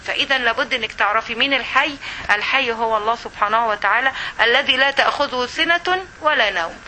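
A woman's voice: fairly high pitch, bright, forceful tone, a little hiss or hum, rough recording. A woman with an Egyptian Arabic accent giving a religious lesson to women, often asking rhetorical questions and checking in with "okay?". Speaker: religious teacher.

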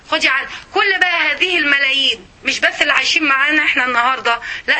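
A woman with an Egyptian Arabic accent gives an emotional religious lesson to other women, often pausing to make sure they're following along. Her voice sits high and has a sharp tone.

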